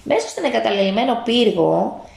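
Woman reading a kids' story out loud, keeps quizzing the kid, gravelly voice, echoey room. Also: a little high. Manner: lively, stops to ask the child questions. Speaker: parent reading to a child. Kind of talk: reading a picture book aloud. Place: at home.

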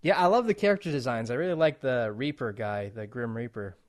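A man hosts a casual interview, talking in a loose, rambling way. He fills his sentences with "like" and "um" and laughs often. His pitch sits in a medium range for a man. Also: fairly quick. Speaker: podcast host, interviewer.

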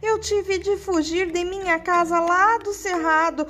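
A woman's voice: high voice, animated, slow, pitched above the performer's own voice. A woman voicing a frightened, pleading male maned wolf who whines and begs in a storybook. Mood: pleading, tearful. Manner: whiny, tearful pleading.

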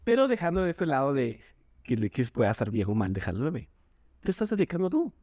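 A man, a doctor and Zumba instructor, talking with animated energy in a podcast interview, acting out quotes in a higher voice. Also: quick pace, no room sound, studio quality. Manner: animated, jumps in pitch when quoting people. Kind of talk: enthusiastic interview talk.

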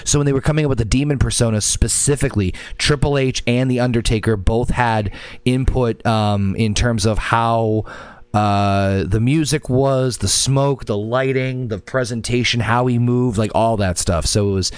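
A man's voice: medium pitch, steady tone, normal speed, smooth, dry recording. A man hosting a casual podcast, talking in long, rambling runs full of fillers. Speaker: podcast host.

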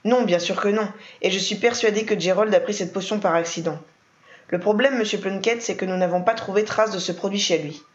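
A woman's voice: medium pitch, fairly quick, lightly acted. A woman voicing a stern older wealthy man who speaks curtly and coldly, in a roomy, dull recording. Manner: curt, cold.

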